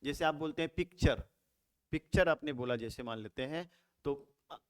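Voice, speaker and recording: A man with a slightly raised pitch explains grammar to students in a lecture. He poses a question, answers it himself, and says each key term slowly and more than once. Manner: repeats key terms slowly, asks and answers own questions. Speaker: English grammar teacher. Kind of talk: Hindi-English explanatory lecture.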